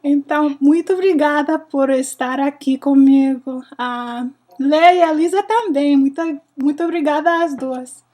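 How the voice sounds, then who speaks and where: A woman interviewer with an English accent in Portuguese, polite and halting as she searches for words in a language she is still learning. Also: high voice, darkish tone.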